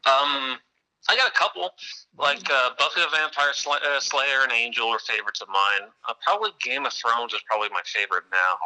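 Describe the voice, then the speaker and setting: A man guesting on a podcast interview, telling animated stories and laughing at his own jokes. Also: medium pitch, brisk, poor audio. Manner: animated storyteller, laughs at his own jokes, mocks fans in exaggerated voices. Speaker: guest, independent wrestler.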